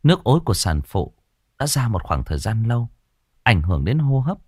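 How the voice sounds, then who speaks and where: A man voicing a calm female doctor who speaks gently and gravely. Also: lowish voice, dry recording, clean studio sound. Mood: solemn. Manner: gentle, measured.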